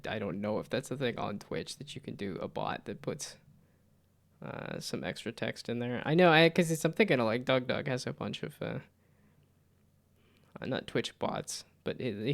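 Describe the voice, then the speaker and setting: Hosting a game livestream, a man chats casually, rambling and often trailing off mid-thought. His mid-range voice is expressive with some vocal fry, and he talks at a normal speed.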